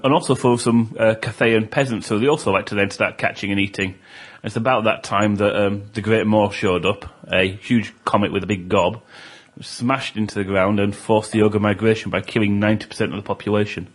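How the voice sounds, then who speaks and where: A man, a podcast co-host casually explaining game lore with many pauses and fillers. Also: on the low side, steady tone. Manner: halting, many ums and uhs while explaining lore. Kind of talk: casual chat.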